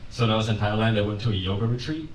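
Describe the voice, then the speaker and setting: A young man doing a conversational, deadpan stand-up set on a comedy club stage, laughing lightly at his own lines. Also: on the low side, very fast, slight background noise. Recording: roomy club sound from a distance, with audience laughter. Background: audience laughing.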